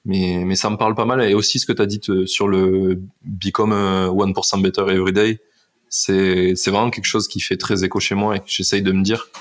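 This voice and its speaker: A man's voice: low voice, level tone, a little fast. A man hosting a casual podcast interview, rambling with many fillers and restarts. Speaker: podcast host.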